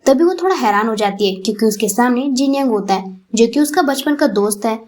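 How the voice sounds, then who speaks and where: A woman's voice: a little high, animated, brisk, darkish tone. A woman narrating a romance comic recap in a casual, chatty storytelling manner.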